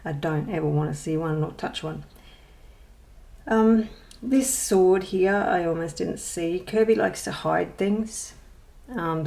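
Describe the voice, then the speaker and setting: Low and creaky with a somewhat dark tone, this woman runs a colouring channel. In her show-and-tell vlog she chats loosely, wandering off topic, saying um a lot and making self-deprecating remarks.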